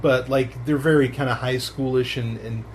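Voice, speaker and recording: A man's voice: mid-range voice, steady tone, normal speed, a little hiss or hum. A man hosting a podcast in casual chat, rambling with many fillers and restarts and laughing often. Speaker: podcast host.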